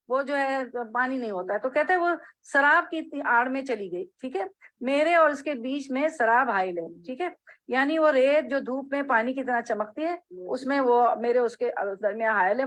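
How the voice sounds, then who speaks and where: This low-quality recording captures a woman with a high, fairly bright voice leading a religious class on hadith. Line by line, she reads Arabic, then explains each phrase in Urdu while checking that students understand.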